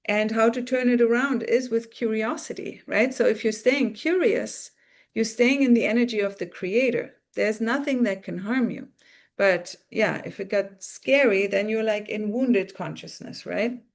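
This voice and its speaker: Gravelly-voiced woman guiding a meditation. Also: a little high, moderate pace. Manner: soft and coaxing, guiding listeners inward; reads viewer comments aloud. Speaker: spiritual teacher. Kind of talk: guided visualization on a live stream.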